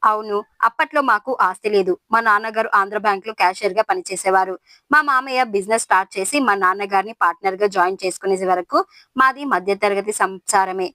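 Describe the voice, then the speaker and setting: A woman's voice: medium pitch, sharp tone, dry recording, close to an everyday voice. A woman voicing a proud, touchy young wife who speaks with resentment and indignation.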